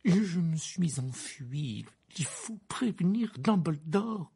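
Confused ministry wizard, man, broken rambling speech, husky, lively pitch, storybook reading. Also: takes it slowly, heavily acted. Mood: distraught. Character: deranged middle-aged male ministry wizard, rambling and lost. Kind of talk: audiobook character reading.

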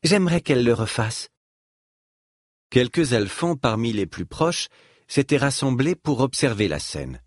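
A man's voice: medium pitch, dry recording, studio quality. A man narrating a novel as an audiobook, telling the story expressively. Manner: expressive storytelling, voicing each character.

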